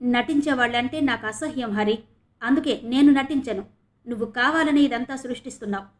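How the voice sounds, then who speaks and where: A woman's voice: fairly high pitch, brisk, lightly acted. A woman reading as an indignant upright young man. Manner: firm, indignant.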